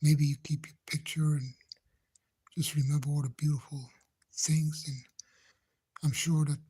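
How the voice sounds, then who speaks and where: Hushed, breathy man whispering to his phone. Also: fairly high pitch, little pitch movement. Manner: halting, rambling, gentle, nervous. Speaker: livestreamer chatting with viewers. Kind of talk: hushed casual live chat. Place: indoors in a house he shares, speaking quietly.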